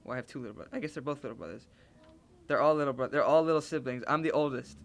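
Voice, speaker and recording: A man's voice: mid-range voice, rapid-fire, creaky. A seventeen-year-old man, a graduating homeschool student, answering interview questions in a rambling, self-correcting way.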